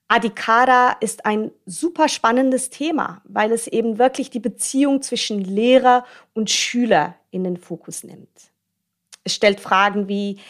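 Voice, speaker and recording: A woman hosting a podcast, explaining things directly to her listeners. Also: fairly high pitch. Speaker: podcast host.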